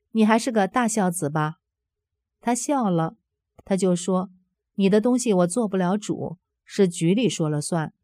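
A woman with a mellow, warm voice reads a first-person story aloud, earnest and steady. The sound is dry and close, with no room around it. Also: medium pitch, dry recording. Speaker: narrator reading a personal testimony.

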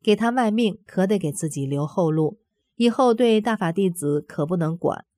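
A woman with a mellow, warm voice reads a first-person story aloud, earnest and steady. The sound is dry and close, with no room around it. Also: mid-range voice, moderate pace, dry recording. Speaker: narrator reading a personal testimony.

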